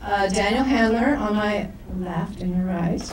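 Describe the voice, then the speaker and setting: In a big, echoing event hall, a woman co-director kicks off a live event, stumbling and correcting herself as she reads out the speaker introductions. She speaks at a measured pace in a mid-range voice, and the distant recording is very noisy.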